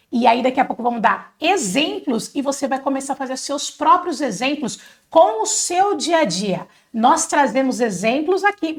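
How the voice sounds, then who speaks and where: A woman from Brazil teaching an English lesson, energetic, talking straight to viewers and drilling phrases for them to repeat. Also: sits high. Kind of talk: casual online language lesson.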